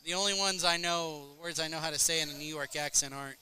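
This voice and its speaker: A man with a fairly high voice calls a high school basketball game play by play, moving between brisk action calls and dry, joking asides. The broadcast picks up plenty of gym noise and bouncing balls behind him. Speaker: play-by-play announcer. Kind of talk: play-by-play commentary. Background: gym crowd and bouncing balls.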